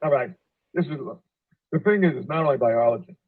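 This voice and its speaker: A man speaking as a remote guest over a video call connection that keeps breaking up, telling a story in a halting way with many fillers. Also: medium pitch, animated. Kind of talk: casual panel discussion. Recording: tinny phone-like video call audio.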